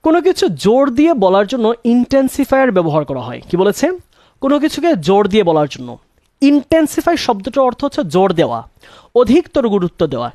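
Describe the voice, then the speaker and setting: A man's voice: extremely high pitch, a little mellow, no echo. A young man teaches English grammar to his students, his voice rising and falling a lot as he quizzes them and then answers himself. The sound is dry and close, with no room around it. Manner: asks questions and answers them himself, repeats key words. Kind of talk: classroom-style grammar lesson.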